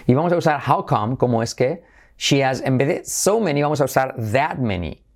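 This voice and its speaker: Energetic bilingual teacher. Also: male voice, mid-range voice, moderate pace, gravelly. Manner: energetic, repeats drill phrases, switches between Spanish and English. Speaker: English teacher, channel host. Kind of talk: bilingual English pronunciation lesson.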